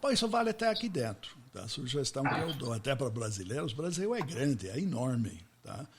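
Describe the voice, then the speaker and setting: An American podcast host whose first language is English chats in Portuguese during a casual interview, checking in with tag questions. His mid-range voice is very animated and fairly quick.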